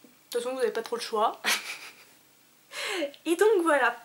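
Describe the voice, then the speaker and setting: A young woman chats to her viewers in a high, bright voice. She rambles, restarts her sentences and fills pauses often, casual and unscripted. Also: big pitch swings, a little hiss or hum. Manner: chatty, many fillers and restarts. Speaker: vlogger. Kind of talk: casual vlog chat.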